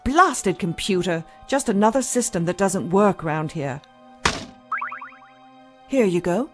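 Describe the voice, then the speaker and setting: A woman's voice: medium pitch, expressive, slow pace, faint music behind. A woman playing a jaded, frank hospital doctor in an audio drama, skeptical and matter-of-fact. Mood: weary, frustrated.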